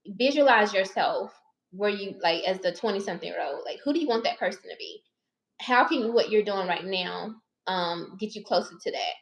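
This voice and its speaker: A woman's voice: medium pitch, animated, moderate pace, vocal fry. A woman in her thirties, a therapist running a personal finance channel, chatting casually and directly to her viewers, calling them y'all and baby. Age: 30s. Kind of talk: casual chat to camera. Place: her living room or car. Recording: roomy echo.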